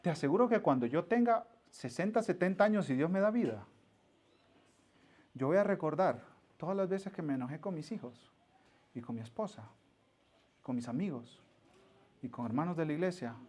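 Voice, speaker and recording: A middle-aged man preaching, his voice sitting a little high for a man. He tells stories vividly, acting out the people in them. Then he drops to a near-whisper to press a point home. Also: normal speed, pauses often. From Mexico. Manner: animated storyteller, acts out voices, drops to near-whisper for emphasis. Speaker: pastor. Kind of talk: sermon.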